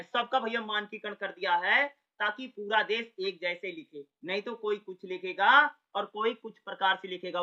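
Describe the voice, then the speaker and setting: A man teaches in a chatty, informal way, asking himself questions and checking in with his listeners again and again. His voice sits high and sounds very bright and forceful. The recording is dull and lo-fi. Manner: chatty, repeats "ठीक है" and rhetorical questions. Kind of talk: informal exam-prep lecture. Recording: dull lo-fi audio.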